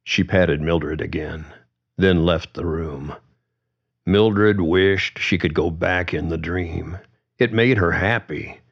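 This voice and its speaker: A man narrating a story in a calm, measured reading. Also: low voice, breathy edge. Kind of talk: audiobook narration. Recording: dull lo-fi recording.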